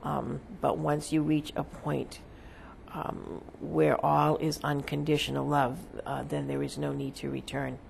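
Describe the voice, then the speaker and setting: A seance medium delivering a solemn spiritual message as a channeled spirit, in a creaky voice with halting, deliberate, formal phrasing. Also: mid-range voice, level tone, a little mellow, slight background noise.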